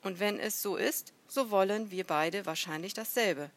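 A woman's voice: mid-range voice, moderate pace, lightly acted. A woman voicing a proud, guarded foreign boy prince who calls back firmly in a storybook reading.

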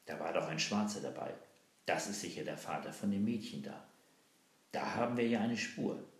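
A man's voice: lowish voice, lively intonation, normal speed, vocal fry. A man voicing a grim, suspicious soldier captain who barks his orders. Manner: barking, suspicious. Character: grim, harsh middle-aged soldier captain. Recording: roomy echo.

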